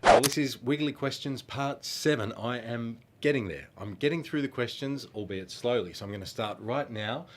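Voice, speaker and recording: A middle-aged Australian man, once a singer in a children's band, chats casually through fan questions in a friendly, rambling way full of ums, his nose blocked by a cold. His voice is medium in pitch and moves at a normal speed with hardly any pauses. Background noise can be heard.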